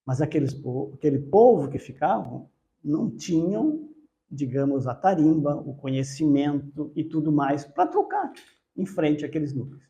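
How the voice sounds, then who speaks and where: A man telling a religious story in a spiritist study talk, unhurried, with occasional self-corrections. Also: a little high, sing-song, mellow, highs cut off, slight background noise.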